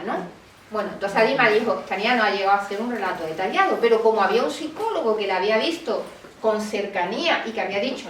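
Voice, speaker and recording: A woman's voice: mid-range voice, a little hiss or hum. A woman lawyer gives a talk at a public colloquium. She tells a case as a story and acts out the quoted dialogue. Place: meeting room. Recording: roomy, distant mic with faint ambience.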